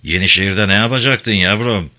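A man's voice: fairly quick, bright, forceful tone. Man doing Cemal Usta, gold-toothed stonemason. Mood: teasing. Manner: teasing, paternal, low-pitched. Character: jovial gold-toothed middle-aged male stonemason.

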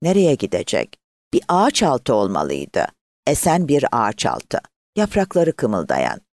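A man narrating an audiobook story in a slow, measured way. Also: mid-range voice, wildly swooping pitch, darkish tone, no room sound.

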